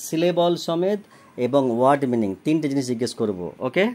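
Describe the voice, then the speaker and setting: A man's voice: mid-range voice, lively intonation, brisk, warm tone. A man, tutoring a child in a recorded homework lesson. He spells words letter by letter, gives their meanings, and keeps asking whether the child understands. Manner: often checks understanding with questions.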